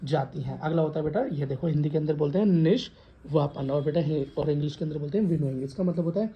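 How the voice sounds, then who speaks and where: A man's voice: a little high, quick pace, highs cut off. A male teacher with a Western Uttar Pradesh Hindi accent giving a classroom science lecture, calling students beta and asking questions to the class. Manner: addresses students as beta, asks and repeats questions.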